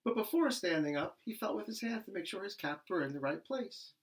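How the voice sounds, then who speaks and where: A man reads a children's storybook aloud in the manner of a primary school teacher, animated and full of dramatic emphasis. His voice is high-pitched and fairly quick.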